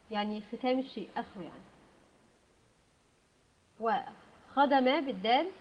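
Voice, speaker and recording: An Egyptian woman giving a methodical Arabic lesson, explaining word pairs and often pausing on "aah". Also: a little high, slight background noise. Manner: methodical, with frequent "aah" fillers. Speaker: Arabic language teacher. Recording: dull lo-fi sound.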